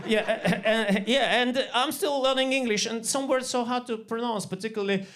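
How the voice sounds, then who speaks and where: Russian-accented man, halting stand-up. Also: very high voice. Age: 40s. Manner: halting deadpan delivery with many fillers and restarts. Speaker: stand-up comedian. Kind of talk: stand-up comedy set. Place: comedy club stage.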